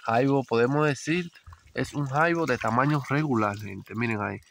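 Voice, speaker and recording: A middle-aged man narrating live as a vlog host, talking to viewers outdoors by a forest stream with halting, repetitive commentary. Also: medium pitch, creaky, fairly bright tone, slight background noise. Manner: talks to viewers, repeats phrases, halting restarts. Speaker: vlog host narrating a crab-fishing outing.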